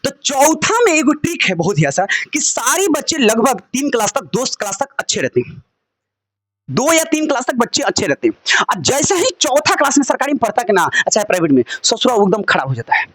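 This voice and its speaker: A Sanskrit teacher with a Bhojpuri-flavored Hindi accent leads his class of children in call-and-response, his very high, very animated voice moving briskly with a slightly bright edge. He chants word forms in a sing-song and coaxes the kids along with jokes. The recording is dry.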